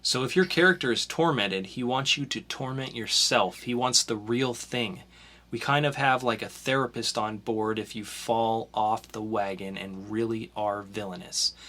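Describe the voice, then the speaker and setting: A young podcast co-host with a fairly low but bright, forward voice riffs through the week's news in casual chat. He speaks loosely, full of ums and restarts, and speeds up in bursts when something excites him.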